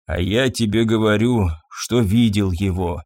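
Усталый, робкий официант средних лет, которого играет мужчина говорит медленно, надломленно и виновато. Голос живо меняет интонацию. Звук сухой и близкий, как в аудиокниге. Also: male voice, mid-range voice, sing-song, no room sound, studio quality. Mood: pleading. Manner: slow, weary, pleading speech. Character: tired, timid, guilt-ridden middle-aged waiter.

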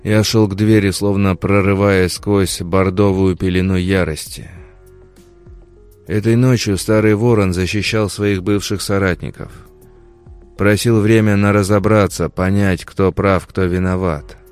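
A man with a very deep voice narrating a fantasy audiobook in first person. His storytelling is steady and dramatic, with faint music running underneath. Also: measured pace, clear, resonant tone.

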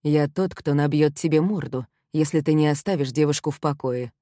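Woman reading an intense young man, obsessive, calm and pressing, low voice, dark tone, storybook audiobook. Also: brisk, no echo, studio quality, natural voice.

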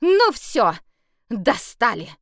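A woman's voice: a little high, lively intonation, moderate pace, no echo, clean studio sound, voice pushed up, close to an everyday voice. Woman voicing a fed-up, snapping young woman. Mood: furious. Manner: sharp and snapping. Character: exhausted young woman, short-tempered and blunt.

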